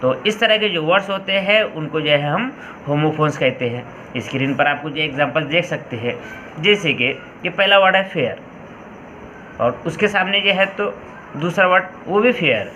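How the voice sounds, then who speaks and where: A male teacher with an Indian accent explaining English words in a Hindi-Urdu lesson, slowly repeating each point and spelling words out letter by letter. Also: high-pitched, pushed and bright, slight background noise, poor audio. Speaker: school teacher.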